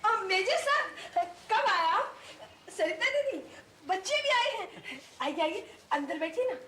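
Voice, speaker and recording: An actress playing a lively housewife who calls out in a shrill, drawn-out way, in a TV sitcom. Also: female voice, roomy sound, slight background noise, exaggerated voice. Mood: welcoming. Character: lively housewife, cheerful and welcoming. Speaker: wife. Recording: sitcom audio with laugh track.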